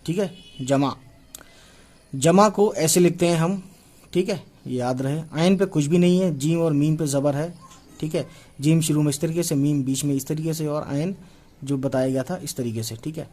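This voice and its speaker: A man's voice: on the high side, measured pace, mellow. A man in his twenties teaching a writing lesson, patiently repeating and spelling out letters one by one. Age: 20s. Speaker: Urdu teacher.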